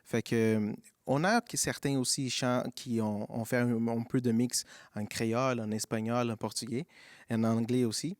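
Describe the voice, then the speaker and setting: A man's voice: medium pitch, fairly even intonation, normal speed, dry recording, studio quality. Man explaining his group's music. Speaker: singer in a vocal group.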